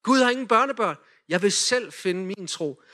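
A man in a lively sermon, retelling a Bible story and directing volunteers as they act it out. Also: high voice. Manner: animated, directs volunteers with quick cues.

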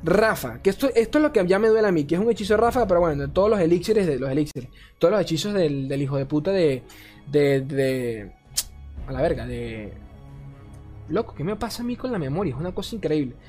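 A man reviews game cards in casual commentary. He is animated and swears, ranting and stumbling over names he forgets. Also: on the high side, fast talker, soft background music. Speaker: card game content creator.

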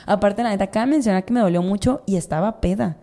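A woman's voice: mid-range voice, quick pace, mellow. A young woman with a Mexican accent, telling a story in a casual, slangy podcast chat, with lots of repetition. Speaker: podcast co-host.

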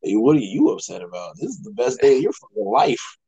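A man with a slightly husky voice that swings up and down a lot as he jokes and swears in casual banter. The sound is close and dry. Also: mid-range voice, huge pitch swings, brisk, dark tone, no echo, highs cut off. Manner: jokey, profane banter and laughter. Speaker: podcast co-host. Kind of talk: casual chat.

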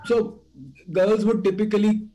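A man's voice: sits high, level tone, unhurried, dark tone, faint music behind. A middle-aged man from India with a north Indian accent, reminiscing casually as an interview guest, hesitant and repeating words, slipping Hindi into his English.

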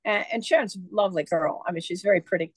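A woman's voice: mid-range voice, fast, husky, no echo. A woman author being interviewed, telling long rambling stories with many fillers. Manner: chatty, digressive, many fillers. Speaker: author guest. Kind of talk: casual storytelling interview.

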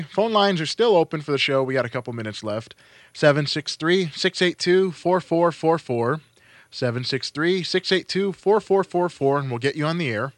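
A man's voice: mid-range voice, no room sound. A man hosting a radio call-in show in a casual, unscripted, informal way.

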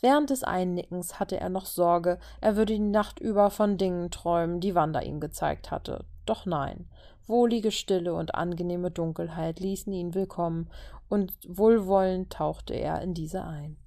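A woman reads a story as narrator in a fairly low, dark-toned voice at a moderate pace. She voices each figure herself, lifting her pitch whenever they speak.

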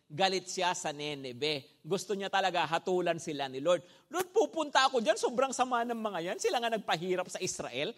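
A high-pitched man delivering an animated sermon, switching between Tagalog and English. He keeps checking in with his listeners by asking "no?" and acts out his stories with loud sound effects. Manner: animated, often asks "no?" and "di ba?" of listeners. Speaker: preacher. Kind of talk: Taglish sermon.

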